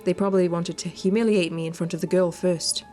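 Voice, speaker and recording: A woman's low, dark-toned voice carries a steady tone and a slightly fast pace as she streams a video game. She reads the visual novel text expressively and jokes around with teasing, coarse remarks, over game music.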